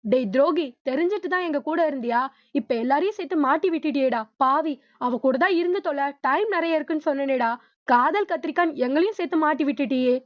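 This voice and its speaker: A woman's voice: high-pitched, a little fast, dry recording, natural voice. A woman reading the part of a crude male criminal who snarls insults in fury, on a dull lo-fi recording. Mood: furious. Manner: growling, insulting.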